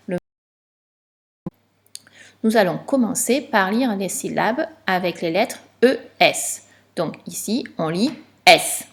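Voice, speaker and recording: A woman teaching a reading lesson to young children, explaining slowly and clearly with patience. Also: mid-range voice, animated.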